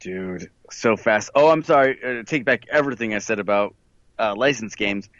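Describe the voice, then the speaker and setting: A man's voice: fairly low pitch, moderate pace, a bit bright, no echo. Casual man over a call line. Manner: loose, filler-heavy, says "like" a lot. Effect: heard over an internet call line that cuts out. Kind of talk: casual chat. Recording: dull, dry call-line audio.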